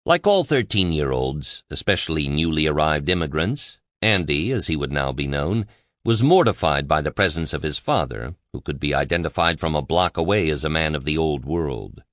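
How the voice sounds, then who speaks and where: A man reading a biography aloud as an audiobook narrator, in a measured, even delivery. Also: very deep voice, no room sound, studio quality.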